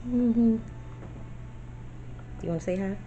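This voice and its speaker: A woman in her fifties, a grandmother vlogger, talks warmly and slowly to the camera at home in a slightly high voice. The audio is dull with slight background noise, and she rambles chattily while addressing her viewers.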